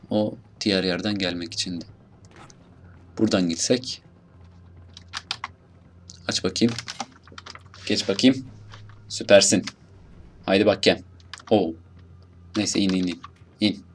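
A young man with a Turkish accent casually commentating his gameplay, muttering, swearing at enemies and bursting out loudly now and then. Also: deep voice, slight background noise. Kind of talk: casual let's play commentary.

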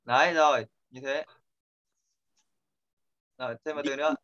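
A man's voice: mid-range voice, fairly even intonation, a little slow, bright, forceful tone. A man teaching an online pronunciation class, patient and corrective, often repeating his points. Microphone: video call. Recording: dull lo-fi call audio.

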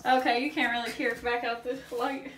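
A woman's voice: a little high, flat delivery, a little fast. A young woman chatting casually and playfully during a home challenge vlog. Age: young adult. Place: small tiled bathroom indoors. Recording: echoey bathroom, off-mic, noticeable noise.

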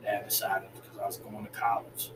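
A man's voice: on the low side, little pitch movement, normal speed. A man co-hosting a podcast, telling stories in a loose, profane, laughing way. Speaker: podcast co-host. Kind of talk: casual storytelling. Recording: noisy room ambience.

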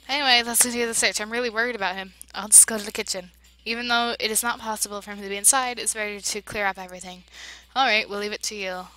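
A woman doing a let's play voice-over reads a game's dialogue aloud, swinging emotionally between loud outbursts and hushed narration. Her voice is mid-range, and the audio quality is poor.

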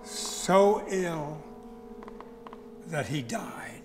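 A man narrating a children's storybook over piano in a slow, dramatic storytelling manner. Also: on the high side, animated.

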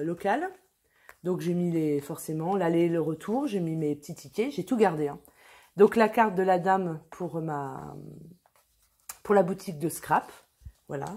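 A woman's voice: fairly low pitch, dark tone. A middle-aged woman chatting casually on her vlog, rambling and full of fillers. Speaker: vlogger. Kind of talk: casual chat.

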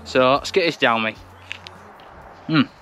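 A man's voice: a little high, fairly quick, bright, forceful tone, soft background music. A young British man vlogging to camera outdoors as he talks while running. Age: young adult. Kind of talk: vlog talking to camera. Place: outdoors on a rural roadside path.

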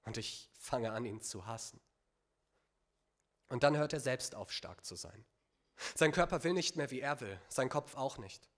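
A man on stage performing a spoken-word slam poem, dramatic, swinging between hushed lines and loud bursts. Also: medium pitch, animated, measured pace, pauses often.

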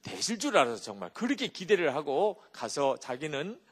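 Lively male pastor preaching. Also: fairly high pitch, moderate pace, husky. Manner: animated storytelling with rhetorical check-ins to the congregation. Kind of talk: sermon.

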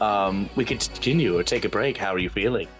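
A woman playing a video game with a friend, chatting casually and reading the game's text aloud. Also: fairly quick. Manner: playful, reads game text aloud, lively pitch. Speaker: co-host playing a dating game. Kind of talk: casual let's play with narration reading. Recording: faint music behind.

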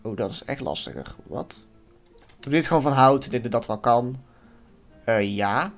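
A man giving casual let's-play commentary in a lively way, swearing now and then and yelling at near misses. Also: mid-range voice, moderate pace, faint music behind. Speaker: gaming YouTuber.

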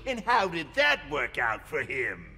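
A gleeful, sadistic clown villain, high for a man and extremely animated. He drawls his teasing, theatrical taunts slowly in a video game, over loud noise. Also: full character voice. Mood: mocking. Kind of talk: video game character dialogue.

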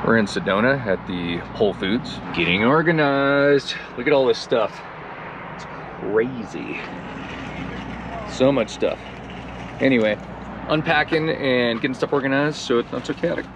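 A man casually narrating his road trip to viewers in a relaxed, chatty way, talking into a handheld camera. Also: mid-range voice, a little slow, long pauses. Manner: laid-back, chatty, talks to viewers as "guys". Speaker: travel vlogger. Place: outdoors and in vehicles on a road trip. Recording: outdoor recording with traffic noise.

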